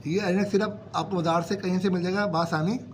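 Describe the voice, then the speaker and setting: A man with a sore throat, hosting a bird-keeping channel, calmly explains medicine doses to viewers he calls friends. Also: high-pitched, brisk, slight background noise. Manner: steady, repetitive explaining, addresses viewers as friends. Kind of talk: casual advice talk to viewers.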